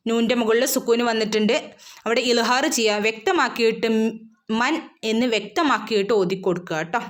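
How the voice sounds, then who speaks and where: A woman teaching Quran recitation, patiently repeating each word and asking and answering her own questions. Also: on the high side. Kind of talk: recitation lesson, explaining and modelling verses.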